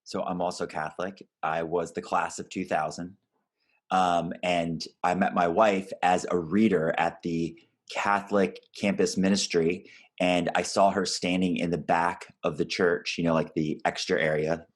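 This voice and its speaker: A man in his forties hosts the interview in a chatty, anecdotal way and laughs easily. His voice is very low-pitched. He talks casually, trading stories with his guest. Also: level tone, a little slow. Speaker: podcast host. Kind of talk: conversational interview.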